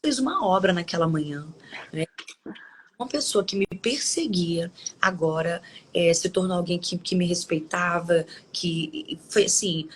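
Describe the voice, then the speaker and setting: A woman with a lowish voice hosts a devotional live stream. She talks in a loose, conversational way and pauses to read Bible verses aloud. A faint hiss sits under the voice. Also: low-quality recording. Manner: conversational, with frequent tag questions and restarts. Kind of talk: devotional talk and scripture reading.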